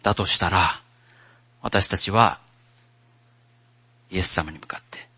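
A man preaching a sermon as pastor, in a gentle, conversational way. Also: sits low, unhurried, breathy edge, lo-fi sound.

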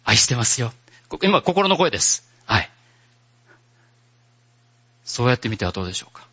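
Gentle, lively-voiced male pastor preaching. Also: mid-range voice, moderate pace, breathy edge, lo-fi sound. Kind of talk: sermon.

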